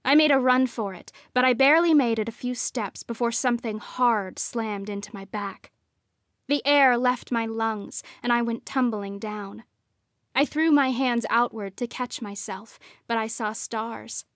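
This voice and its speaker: Slow, measured woman audiobook narrator. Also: on the high side, dry recording, studio quality. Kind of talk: first-person scripted narration.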